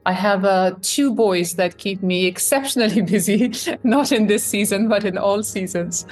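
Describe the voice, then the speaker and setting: A woman's voice: medium pitch, moderate pace, darkish tone, soft background music. A woman in her thirties from Pakistan, an admissions consultant answering interview questions in a friendly, reflective way.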